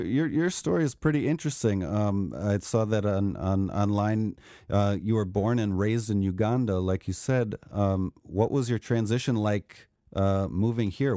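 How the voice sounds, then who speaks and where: Mellow, low-voiced male interviewer. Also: no echo, clean studio sound. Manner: relaxed, encouraging, short affirmations. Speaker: interviewer host. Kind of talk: casual interview.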